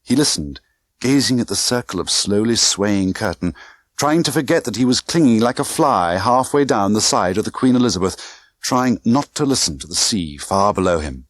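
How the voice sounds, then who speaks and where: Reading the spy thriller, the narrator uses a lowish, animated voice at a moderate pace, with no echo. His scripted delivery is tense and theatrical, broken into short clipped phrases.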